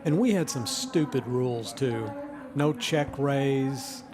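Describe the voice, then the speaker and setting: A man's voice: medium pitch, takes it slowly. An older man co-commentating a live poker stream with a dry, folksy manner. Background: crowd chatter of a poker room.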